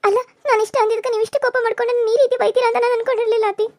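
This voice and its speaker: Woman voicing a shrill young cartoon daughter-in-law. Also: little pitch movement, a little mellow, dry recording. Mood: protesting. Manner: argumentative, pleading, quick protesting. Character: young village wife, defiant and scheming daughter-in-law. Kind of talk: cartoon serial voice acting.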